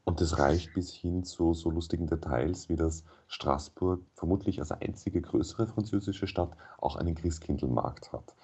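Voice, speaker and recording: A man whose first language is German answers a radio interview thoughtfully, explaining things in a measured way with frequent hesitations. His voice is low-pitched and mellow, with a little hiss or hum in the recording.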